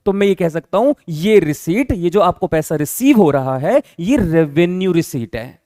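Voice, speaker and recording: A man's voice: high-pitched, animated, moderate pace, mellow, no echo, clean studio sound. A man teaching an accounting class, explaining patiently, repeating key terms and checking often whether the students have understood. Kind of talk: classroom lecture.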